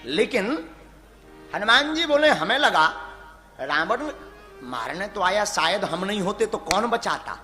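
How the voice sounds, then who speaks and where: A man preaches, his high, bright voice leaping up and down as he dramatizes a devotional tale and breaks into chanted verse. It rings through a large echoing hall, with soft music playing underneath. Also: sing-song, a little slow, pauses often. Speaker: religious storyteller. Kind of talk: devotional sermon storytelling. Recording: echoey hall with music behind.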